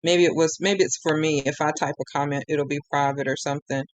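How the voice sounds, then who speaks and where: A woman's voice: low-pitched, fairly even intonation, fairly quick, no room sound. A woman ranting on a live stream, frustrated and close to tears, rambling with many restarts. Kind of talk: emotional live-stream rant.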